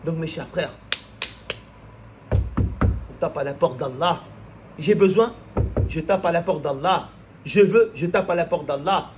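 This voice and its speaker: A man delivers an impassioned sermon in a high voice. He hammers his points home through repetition and rhetorical questions, acting out short scenes along the way. A faint noise sits behind the recording. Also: a little slow, long pauses. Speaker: preacher.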